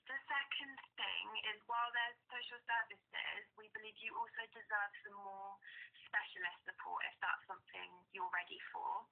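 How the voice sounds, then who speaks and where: A woman support worker on a phone call, explaining things gently and carefully, heard over a phone line. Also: mid-range voice, steady tone, moderate pace, creaky.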